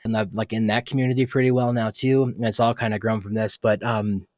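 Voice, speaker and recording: A man's voice: fairly low pitch, level tone, fairly quick, a little mellow, no echo, clean studio sound. A young adult man hosting a casual solo podcast, rambling through tangents with lots of fillers like "like" and "um.". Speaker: podcast host.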